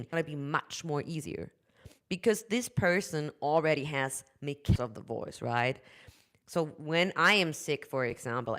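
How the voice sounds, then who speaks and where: Talking about singing straight to camera, this German-accented woman, a vocal coach, has a low-pitched voice and a relaxed, chatty manner. She circles back, restarts and repeats words, punctuating points with a quick "right?", and her non-native English comes through in how she phrases things.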